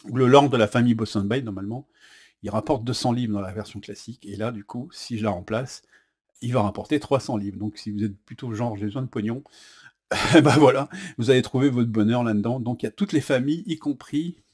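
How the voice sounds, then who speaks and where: French-accented man, casual board game demo host, chatty, halting delivery with lots of fillers, mid-pitched. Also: darkish tone. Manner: chatty, says "hop" as he flips cards; hesitant, many fillers. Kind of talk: casual unboxing and rules demo.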